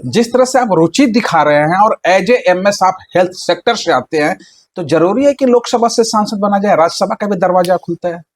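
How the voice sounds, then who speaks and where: A man's voice: high-pitched, moderate pace. A man interviewing a hospital official with pointed, probing questions.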